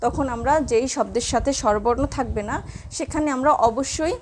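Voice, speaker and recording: A woman Bengali teacher giving a pronunciation lesson, speaking slowly and repeating each example for her students. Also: fairly high pitch, darkish tone, slight background noise.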